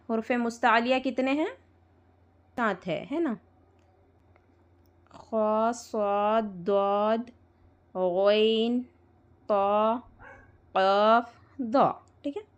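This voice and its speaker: A woman teaching Quran recitation rules to students, patiently repeating points, spelling out letters slowly and checking often that they follow. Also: mid-range voice. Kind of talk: live tajweed lesson to students.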